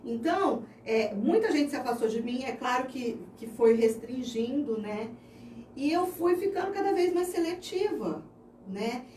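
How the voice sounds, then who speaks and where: A Brazilian woman in her thirties shares a personal faith testimony in an interview, earnest and heartfelt. Her voice sits a little high and sounds mellow. She is heard from some distance in an echoey room with faint background noise. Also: expressive, measured pace. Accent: Brazilian Portuguese. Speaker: interview guest.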